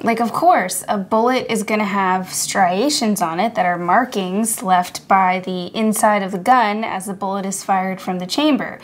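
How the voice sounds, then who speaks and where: A woman hosting a podcast, narrating a scripted essay in a casual, wry, conversational way with chatty asides. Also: a little high. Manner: casual, wry, conversational, laughs at own jokes. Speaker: podcast host.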